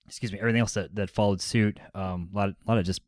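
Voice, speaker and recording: A man's voice: lowish voice, darkish tone, dry recording, studio quality. A man chatting casually on a podcast, often repeating words as he thinks aloud. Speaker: podcast host.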